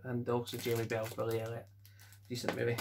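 A Scottish man casually going through his film collection at home, giving offhand quick verdicts and chuckling to himself. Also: mid-range voice, monotone, noisy background. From Scotland. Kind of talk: casual chat.

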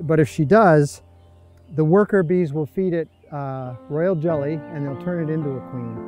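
A man in his sixties, an amateur beekeeper from upstate New York, explaining his hives in a relaxed, halting way with many fillers, recorded outdoors in a backyard. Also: fairly high pitch. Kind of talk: casual explanation while working.

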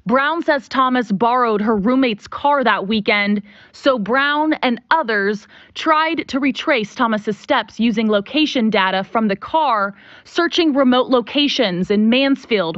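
A woman field reporter narrating a local TV news story in a measured, clear delivery. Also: a little high, fairly bright tone, no echo, lo-fi sound.

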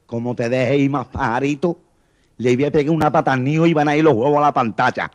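A man's voice: mid-range voice, quick pace, pitched below the performer's own voice, close to an everyday voice. A man voicing a fed-up, loutish man sitting behind the couple in a joke. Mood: exasperated.

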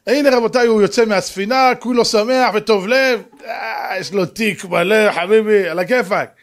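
A middle-aged man, a rabbi, preaching a sermon through a story, swinging from hushed narration to shouts. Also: high voice.

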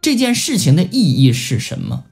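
A man's voice: on the high side, normal speed, creaky, breathy edge, soft background music. A man giving a Buddhist scripture lecture, telling stories and acting out the people he quotes. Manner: animated storytelling with acted-out quotes. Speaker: Buddhist teacher.

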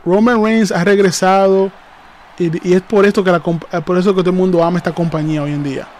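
A man hosting a live reaction stream, excitable and hyped, repeating phrases and calling out to his viewers. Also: sits high, rapid-fire.

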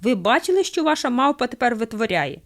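A woman voicing a male bartender who complains loudly and indignantly. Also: a little high, very animated, a little fast, voice pushed up. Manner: indignant and loud.

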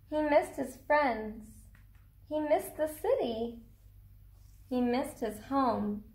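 This is a read-aloud for small children: a woman in her thirties, tucked in an indoor cardboard fort, performs a picture book with feeling and checks in with simple questions. Her high-pitched voice is slightly mellow, and the sound is reverberant.

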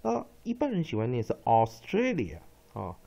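A man with a Taiwanese Mandarin accent teaching English phonics, who drills syllables slowly and repeats each word many times. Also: fairly high pitch, huge pitch swings, vocal fry, dark tone. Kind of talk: phonics lesson. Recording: dull lo-fi recording.

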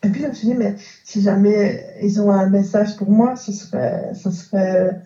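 A woman's voice: mid-range voice, steady tone, normal speed, warm tone. A woman attending a reading as a client, eager and grateful, with hesitant restarts. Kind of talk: casual conversation. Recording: dull, echoey recording.

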